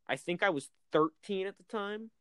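A man's voice: sits high, moderate pace, clean tone, no room sound. A man co-hosting a casual podcast, telling spooky stories in a playful, rambling way.

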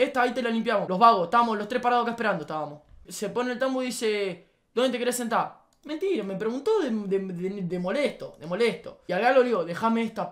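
A young man with a Rioplatense Spanish accent, telling a casual anecdote with lots of laughter, and his voice jumps high when he gets excited. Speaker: content creator.

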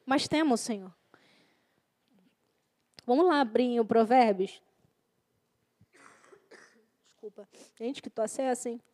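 Female youth preacher, high voice, casual delivery, repeats lines for emphasis. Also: slow pace, pauses often, dark tone. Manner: repeats key phrases, acts out quoted inner voices. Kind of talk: informal youth sermon.

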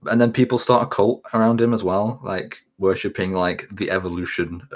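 A man with a very low, deep voice talks casually on a podcast. He rambles along, full of likes and ums, explaining things at length. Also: level tone, moderate pace. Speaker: podcast co-host. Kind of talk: casual chat.

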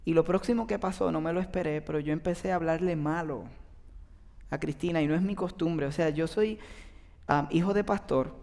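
A youth pastor with a fairly high, creaky voice tells an earnest, confessional testimony in a sermon, speaking fairly quickly with animated rises. Long reverb from a large hall surrounds him.

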